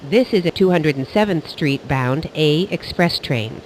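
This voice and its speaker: A man's voice: fairly high pitch, expressive, a little slow, low-quality recording. A man reading a scripted train station announcement, recorded with some train noise behind him.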